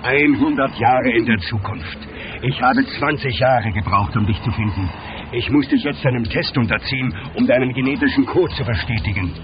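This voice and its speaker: A man playing a gruff soldier from the future. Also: medium pitch, moderate pace, background noise, natural voice. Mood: stern. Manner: gruff, commanding. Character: stern male soldier from the future. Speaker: time traveller from the future. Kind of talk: film dub. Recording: dull lo-fi film audio with score.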